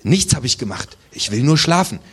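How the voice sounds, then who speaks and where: A man's voice: medium pitch, very animated, normal speed, husky. A man doing a grumpy sleepy old priest.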